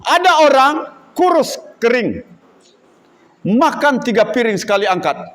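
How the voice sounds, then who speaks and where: Animated man lecturing students. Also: extremely high pitch, measured pace. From Indonesia. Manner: animated, acts out examples, shifts between loud and hushed. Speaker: Islamic boarding school leader.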